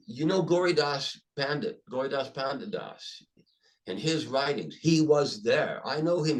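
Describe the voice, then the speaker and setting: A man's voice: a little high, poor audio. Older man telling stories emphatically. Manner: emphatic, animated storyteller with repeated restarts. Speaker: podcast guest. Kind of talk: conversational interview storytelling.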